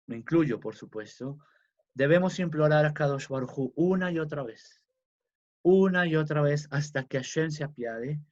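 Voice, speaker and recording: A man teaching a religious class in a slow, emphatic way, with fillers and restarts. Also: a little high. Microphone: video class recording. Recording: dull lo-fi sound.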